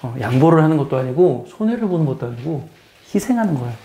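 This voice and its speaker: A middle-aged male teacher talks through a lesson in a mellow, somewhat high voice. He keeps a plain explaining tone, repeats himself for emphasis and often asks the listener questions. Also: sing-song, fast. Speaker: math teacher and lecturer. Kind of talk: casual spoken lecture.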